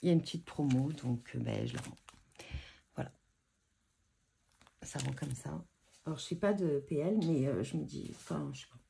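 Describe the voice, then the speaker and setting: Chatty low-voiced woman, mellow tone. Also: normal speed, creaky, pauses often, a little hiss or hum. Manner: chatty and hesitant, many fillers and restarts. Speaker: scrapbooking vlogger showing purchases. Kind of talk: casual show-and-tell chat.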